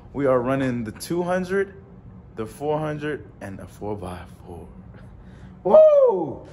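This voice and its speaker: A man's voice: fairly low pitch, a little hiss or hum. A young man who runs track, talking casually to his vlog camera in a joking, slangy way. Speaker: track athlete vlogger.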